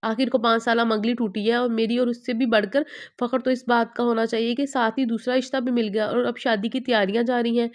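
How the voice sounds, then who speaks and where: A woman's voice: a little high, little pitch movement, a little fast, natural voice. A woman reading the part of a young woman caught in a forced engagement, delivering her lines with bitter reproach. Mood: reproachful. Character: young woman, anxious and hurt fiancée. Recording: slightly muffled lo-fi audio.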